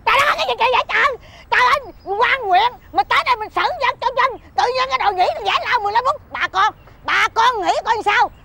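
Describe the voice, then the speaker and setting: An actress playing a loud, wailing old village woman in a folk tale TV drama. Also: fast talker, few pauses, noisy background. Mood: indignant. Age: older. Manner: shrill, scolding, wailing pleas.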